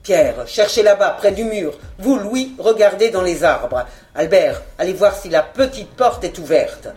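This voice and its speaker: A woman reading aloud and voicing a gentleman who gives brisk orders to his servants, over faint music. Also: mid-range voice, lively intonation, natural voice. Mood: commanding. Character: commanding gentleman, master of the house.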